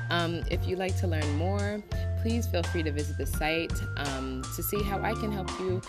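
A woman hosting a motivational podcast, talking in an upbeat, encouraging way with frequent laughs, recorded muffled under a blanket. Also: low-pitched. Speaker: podcast host.

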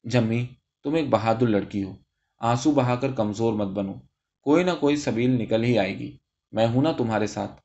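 Man voicing a young lover, soft, reassuring, persuasive, slightly higher voice, muffled recording. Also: natural voice. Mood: tender.

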